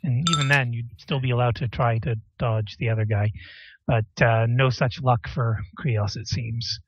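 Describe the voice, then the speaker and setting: A man's voice: mid-range voice, steady tone, dry recording. Man running a tabletop game, lo-fi sound. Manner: explains rules while looking them up, many pauses. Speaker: game master.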